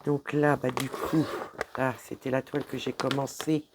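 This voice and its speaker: A woman's voice: extremely low pitch, little pitch movement, moderate pace, background noise. A woman with a French accent chatting casually at her home desk, rambling and stumbling over her words as she shows her cross-stitch progress. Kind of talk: casual show-and-tell vlog.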